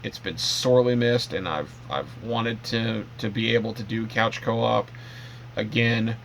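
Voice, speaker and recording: A man's voice: medium pitch, slight background noise. A man talking casually in a vlog, rambling with frequent fillers and restarts. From Canada. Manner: rambling, with many ums and restarts. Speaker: vlogger. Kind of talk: casual monologue.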